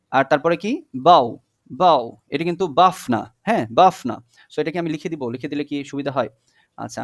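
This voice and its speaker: A man's voice: fairly high pitch, no room sound, clean studio sound. A young man teaching an English poem to schoolchildren, patiently spelling out pronunciations and checking in with them. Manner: patient, repeats words slowly, checks in with "okay?". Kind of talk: classroom lesson explaining a poem.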